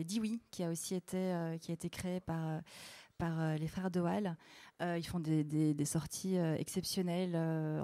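A woman casually presenting vinyl records, talking in a hesitant, halting way with lots of fillers and restarts. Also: fairly low pitch, warm tone, dry recording.

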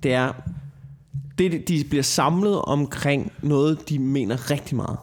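A man co-hosting a podcast, ranting and swearing his way through a heated casual chat. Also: a little high. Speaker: podcast co-host.

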